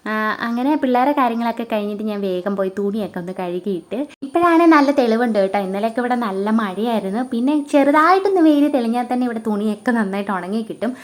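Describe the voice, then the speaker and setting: A young woman vlogger with a Kerala Malayalam accent talks quickly, her words tumbling out. She tells the story in an emotional, chatty way, scattering fillers and little asides to her viewers. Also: fairly high pitch, expressive. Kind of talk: casual storytelling vlog.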